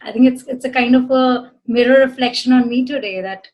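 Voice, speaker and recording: A woman podcast host with a fairly high voice. She poses long, winding interview questions. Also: fairly quick, darkish tone, poor audio.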